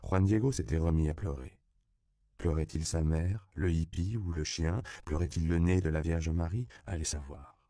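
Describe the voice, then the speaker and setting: A man narrating a novel as an audiobook in a measured, storytelling manner. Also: a bass voice, warm tone, smooth, dry recording, clean studio sound. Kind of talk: scripted narration.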